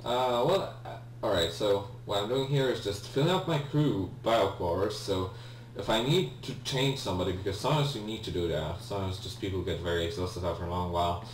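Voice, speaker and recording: Speaking quickly with hardly any pauses, a young Polish-accented man, Polish by native tongue, offers casual, hesitant remarks on the game he's playing. His voice is on the low side, and he apologizes often, trips into ums and starts over. A distant mic picks him up in an echoey room with a faint hum.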